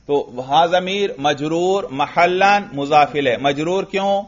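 A man's voice: a little high, highs cut off. A man teaching Arabic grammar in a classroom lesson, asking questions and answering them himself step by step.

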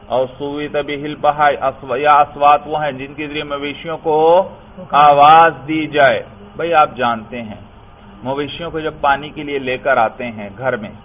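A man teaching Arabic grammar in Urdu. He reads Arabic phrases slowly, then explains them and keeps asking his listeners whether they have understood. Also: a little high. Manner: keeps asking if it is understood, often says "brother". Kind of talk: classroom lesson explaining Arabic text. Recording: tinny phone-like recording with faint noise.

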